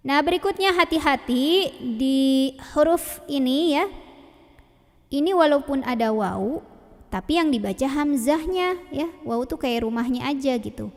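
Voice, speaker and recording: High-voiced woman teaching Quran pronunciation. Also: animated, in a large hall. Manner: patient, repeats and models each sound slowly. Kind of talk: tajwid pronunciation lesson.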